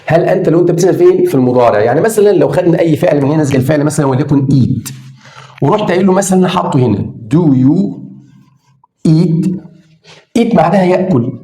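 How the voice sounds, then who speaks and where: A man with an Egyptian Arabic accent teaching English grammar in a lively, emphatic way, drawing out words for stress. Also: fairly high pitch. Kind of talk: spoken grammar lesson. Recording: echoey room.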